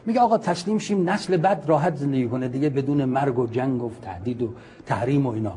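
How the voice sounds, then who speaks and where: A man preaching a sermon with impassioned, argumentative rhetoric, reciting Arabic quotations slowly and then translating them. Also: medium pitch, warm tone.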